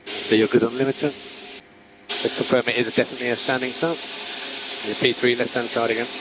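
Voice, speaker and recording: A man working as a race engineer, giving clipped, repeated instructions to a driver over race car radio. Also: mid-range voice. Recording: noisy team radio with car sounds.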